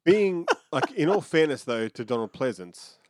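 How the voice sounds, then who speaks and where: A man's voice: a little high, sing-song, moderate pace, darkish tone, dry recording, clean studio sound. A man co-hosting a podcast in casual chat, often restarting his sentences and adding joking asides. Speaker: podcast co-host.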